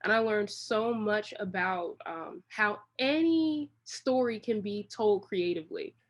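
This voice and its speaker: An interview guest and creative director from Washington, D.C., this woman gives relaxed, meandering answers that stretch into long stories. Her voice is medium-pitched and her pace measured.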